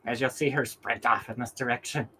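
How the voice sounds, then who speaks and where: A man's voice: medium pitch, steady tone, a little fast, bright, forceful tone, a little hiss or hum. A man running a tabletop role-playing game as game master, narrating and answering questions casually. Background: music.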